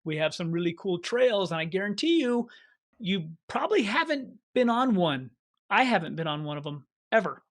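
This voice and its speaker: A man's voice: high-pitched, big pitch swings, normal speed. A man co-hosting a casual podcast, mostly giving brief, agreeable replies. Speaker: podcast co-host. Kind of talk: casual chat.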